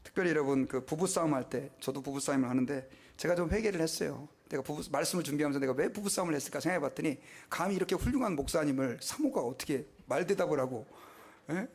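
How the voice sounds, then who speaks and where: A man's voice: a little high, lively intonation, fast talker, slightly rough. A middle-aged male pastor preaching a sermon in a conversational way, asking the congregation questions and acting out quotes.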